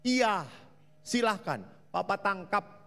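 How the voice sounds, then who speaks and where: A man voicing a father down a well, calmly reassuring his son in a sermon story. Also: sits high, takes it slowly, creaky, in a large hall, voice pushed up, heavily acted.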